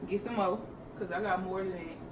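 A woman's voice: mid-range voice, steady tone, fairly quick. A young woman chatting casually in a blunt, sweary, slangy way. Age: young adult. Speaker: vlogger doing a noodle eating challenge. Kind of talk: casual chat. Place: living room sofa, indoors. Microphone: camera a few meters away. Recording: roomy, distant, noisy camera audio.

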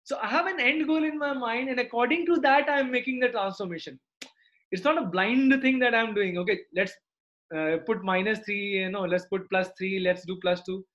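A man's voice: high voice, normal speed, a bit bright. A middle-aged man with a South Indian accent teaches a live online maths lesson. He explains step by step and often checks that students follow with short tag questions. The sound is dull and lo-fi, like a computer mic on a video call.

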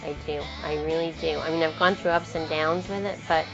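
A woman's voice: sits low, fairly even intonation, fairly quick. A woman singer-songwriter talking casually in an interview, rambling with frequent restarts and trailing thoughts. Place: in New York. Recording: muffled lo-fi film sound. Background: guitar music underneath.

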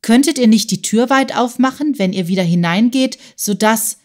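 A woman voicing a clever, eager boy detective in a children's audiobook, talking in a quick, scheming way. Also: on the high side, a little mellow, close to an everyday voice.

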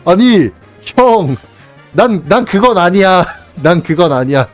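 A man's voice: high voice, big pitch swings, takes it slowly, soft background music. A young man in his twenties, casually chatting on a live stream, teasing his viewers with playful mock outrage and frequent laughter.

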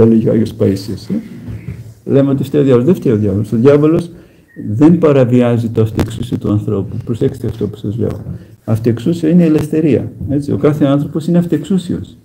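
A man preaching a conversational sermon as an Orthodox monk, telling stories with gentle humor and speaking straight to his listeners. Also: medium pitch, creaky, slight background noise, rough recording. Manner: plain storytelling with gentle humor; emphatic direct address to listeners.

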